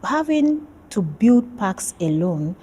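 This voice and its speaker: A woman's voice: medium pitch, sing-song, slow pace, warm tone, slightly rough, highs cut off. A woman from Nigeria, a PhD student, talking about her research in a casual interview, friendly and hesitant with many fillers.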